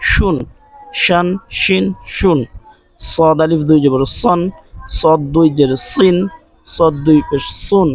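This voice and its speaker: A man's voice: fairly high pitch, dry recording, low-quality recording. A man teaching Quran reading in an online class, patiently drilling syllables over and over and asking listeners to repeat after him. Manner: repetitive drilling of syllables, rising on recaps.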